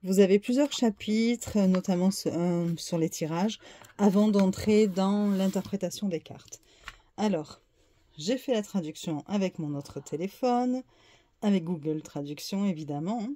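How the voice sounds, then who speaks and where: A woman's voice: mid-range voice, dark tone. A French-speaking woman casually showing and describing a tarot deck, hesitant and full of little fillers. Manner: hesitant, fills pauses with euh and hein. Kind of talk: casual show-and-tell unboxing.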